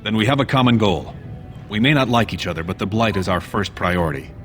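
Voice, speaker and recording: An actor playing a proud, formal dwarf prince with a measured, regal manner in a fantasy game. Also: male voice, fairly low pitch, expressive, close to an everyday voice. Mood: resolute. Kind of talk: fantasy video game acting. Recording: game music behind dialogue.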